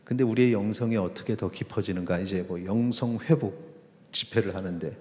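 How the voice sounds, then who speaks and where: A man, a pastor, preaching a sermon in a conversational way, with pauses and acted-out quotes. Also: fairly low pitch, a little mellow. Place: church sanctuary. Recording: long reverb of a church hall.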